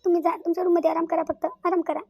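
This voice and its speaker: A woman's voice: extremely high pitch, little pitch movement, very fast, no echo, muffled recording. A woman voicing a devoted younger sister-in-law in a cartoon, earnest and insistent. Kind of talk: cartoon voice acting.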